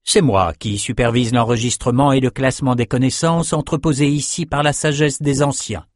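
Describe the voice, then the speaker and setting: A man's voice: mid-range voice, steady tone, moderate pace, no room sound, pitched above the performer's own voice, close to an everyday voice. A male reader voicing a young chief archivist in his thirties who speaks dryly and curtly. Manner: dry, curt.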